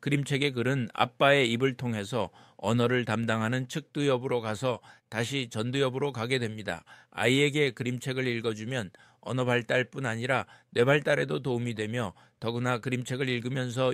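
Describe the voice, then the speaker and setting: Male narrator, mid-range voice, measured explanatory read of scripted text, dry recording. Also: medium pitch, dry recording. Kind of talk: scripted narration, reading aloud an informational parenting text.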